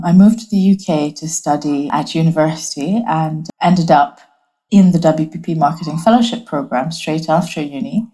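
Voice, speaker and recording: A woman's voice: deep voice, dark tone. A woman from Bangladesh, an advertising strategist, talking as a guest in an interview from her home office. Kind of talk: conversational interview.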